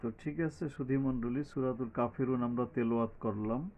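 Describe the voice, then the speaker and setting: A man teaching Quran recitation, chanting verses in long drawn-out tones and explaining pronunciation step by step. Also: medium pitch, fairly even intonation, phone-quality sound.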